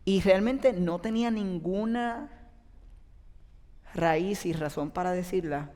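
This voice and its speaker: A man's voice: sits high, takes it slowly, a little mellow. Pastor in his 30s, chatty sermon to a live congregation, long hall reverb. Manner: conversational, addresses the audience directly. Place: church auditorium with an audience.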